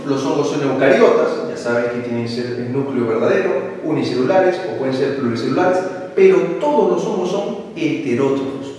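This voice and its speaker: A man with a Peruvian Spanish accent teaching an online pre-university biology lesson, lively, asking questions and answering them himself. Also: a little high. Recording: very echoey hall, voice from a distance.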